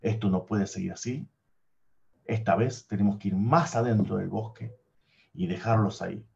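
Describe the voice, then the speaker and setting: A man voicing a harsh stepmother in a spoken fairy tale, sharp and scolding. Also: lowish voice, steady tone, normal speed, creaky, voice pushed down. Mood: cold. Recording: dull lo-fi recording.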